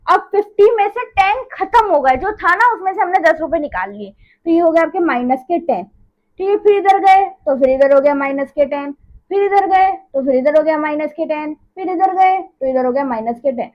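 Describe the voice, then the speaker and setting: Her voice is high and animated at a normal speed, and the top frequencies are cut off. She teaches a maths lesson casually and chattily, repeating each step with "theek hai" and checking in often with the class.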